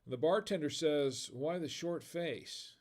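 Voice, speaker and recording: This American man, hosting a casual livestream, speaks a little slowly in a fairly high voice. Between reading viewer comments aloud, he tells corny bar jokes and dad jokes, chuckling at them himself.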